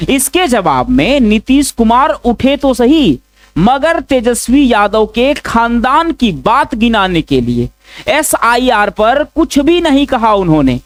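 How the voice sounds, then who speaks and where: Brief: male commentator, high and animated, close dry mic, scripted questioning delivery. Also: dry recording. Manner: pointed rhetorical questioning. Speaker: news commentator.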